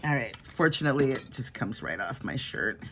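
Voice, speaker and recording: A woman's voice: very deep voice, big pitch swings, brisk, a little hiss or hum. Chatty woman doing her makeup on camera. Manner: chatty, laughs often, soft-spoken asides. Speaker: makeup vlogger. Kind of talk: casual makeup vlog chat.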